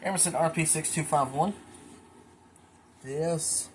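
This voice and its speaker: Speaking slowly in a slightly high voice, a hobbyist gives a folksy, casual narration of his collection with asides muttered under his breath. He's at home indoors, and the noisy recording carries radio chatter from weather radios along with other background noise.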